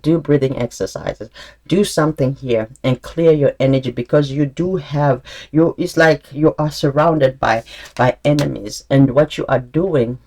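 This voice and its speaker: A man's voice: on the high side, unhurried, darkish tone. A man giving an intuitive tarot reading straight to his viewers, earnest and encouraging, often repeating himself and restarting as he reads the cards. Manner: earnest, encouraging, spiritual advice in direct address; casual, calls listeners "honey". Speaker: tarot reader.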